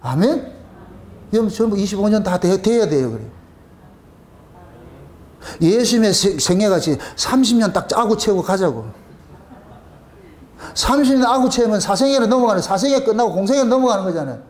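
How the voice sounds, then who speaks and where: A middle-aged man preaching a sermon, his voice sitting high and leaping widely in pitch. He talks to his congregation in a loose, chatty style, throwing out rhetorical questions and laughing now and then. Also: lively intonation, moderate pace, long pauses, darkish tone. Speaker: pastor.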